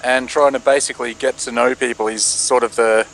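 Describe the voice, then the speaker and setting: A man's voice: medium pitch, flat delivery, fairly quick, a bit bright, slight background noise. A man playing in a tabletop game, chatting casually and tossing in joking asides. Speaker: player.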